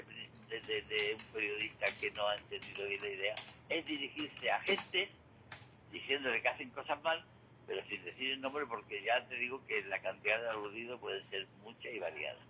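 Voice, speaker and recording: An older man calls in to local radio, his medium-pitched voice pushed and bright. He offers his opinions in conversational commentary, emphatic and repetitive, always looking for agreement. The call comes through a dull telephone line with faint noise.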